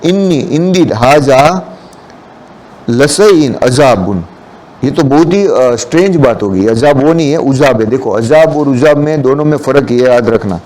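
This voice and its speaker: A man's voice: mid-range voice, expressive, measured pace, a little mellow. A man giving a Friday sermon, explaining the meanings of scripture words and mixing in English terms. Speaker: preacher.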